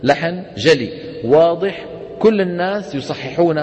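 A man teaching Quran recitation rules, quizzing his students with quick questions and answering them himself. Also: a little high, animated, darkish tone, big-room sound. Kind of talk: classroom lecture on tajweed.

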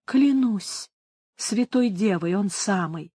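A jilted young woman, shaken and hushed, half whispering her words, as a woman reader voices her. The reading is slow and recorded close and dry. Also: medium pitch, animated, slightly rough, no room sound. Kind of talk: dramatic audiobook reading.

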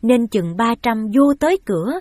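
Woman narrating a novel, higher voice. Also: lively intonation, normal speed, darkish tone, no room sound, clean studio sound. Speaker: audiobook reader.

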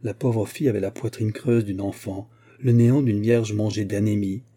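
A male audiobook narrator reads in a steady, measured way. His voice is very dark and mellow, with a husky edge, and sits fairly low. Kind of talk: scripted narration.

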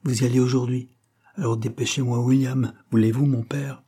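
A man voicing a sarcastic young gentleman who grumbles and teases, in a read-aloud novel. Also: medium pitch, little pitch movement, moderate pace, slightly rough, pitched above the performer's own voice, close to an everyday voice. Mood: teasing. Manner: mocking, half-grumbling. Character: teasing young man, sarcastic but tender.

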